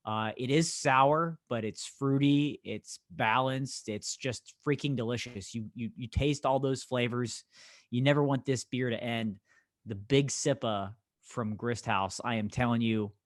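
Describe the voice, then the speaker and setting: American male co-host, average pitch, casual and emphatic podcast chat. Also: fairly bright tone. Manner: enthusiastic, emphatic.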